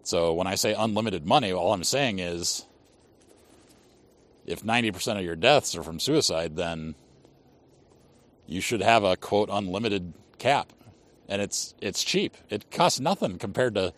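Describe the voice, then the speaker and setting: A man's voice: lowish voice, animated, measured pace, long pauses, a bit bright. A man hosting a casual conversation, pressing his case with rhetorical questions.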